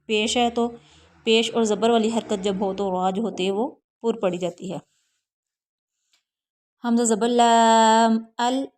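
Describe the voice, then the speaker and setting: Slow-spelling woman Quran teacher. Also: medium pitch, a little mellow. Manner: spells out letters slowly, then explains quickly. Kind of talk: slow syllable-by-syllable recitation lesson.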